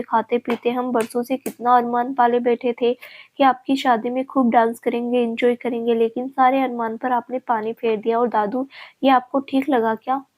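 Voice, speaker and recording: A woman's voice: a little high, darkish tone, close to an everyday voice. A woman voicing a playful young man, the hero's cousin, in a storybook reading, teasing and chatty.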